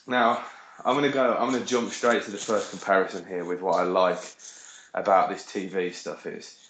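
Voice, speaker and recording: A man's voice: low voice, steady tone, moderate pace, a bit bright. A man with a Birmingham accent, co-hosting a podcast in rambling, sweary casual chat. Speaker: podcast co-host. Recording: echoey room with faint noise.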